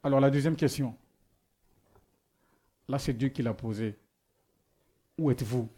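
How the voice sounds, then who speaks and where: Rhetorical questions fill this sermon from a non-native speaker whose first language is not French, and he frequently restarts while groping for words. His medium-pitched voice is warm and husky, and he speaks a little slowly.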